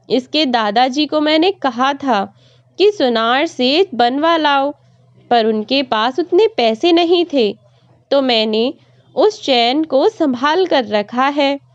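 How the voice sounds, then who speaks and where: A woman's voice: high-pitched, animated, takes it slowly, no echo, highs cut off. A woman voicing a frightened elderly mother-in-law who pleads her innocence. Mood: fearful, pleading. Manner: pleading, trembling.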